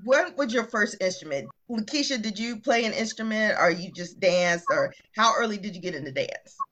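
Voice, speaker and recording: A woman's voice: mid-range voice, expressive, moderate pace, a bit bright. Upbeat woman podcast host, lo-fi sound. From Virginia. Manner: friendly, upbeat questioning. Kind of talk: casual interview chat. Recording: dull lo-fi audio.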